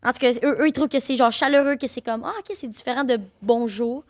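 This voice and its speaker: A woman from Quebec with a Québécois French accent, telling stories as a podcast guest, lively and full of fillers. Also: sits high, fast talker, dry recording, clean studio sound. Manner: animated storytelling, lots of fillers. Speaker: guest streamer. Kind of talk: casual podcast chat.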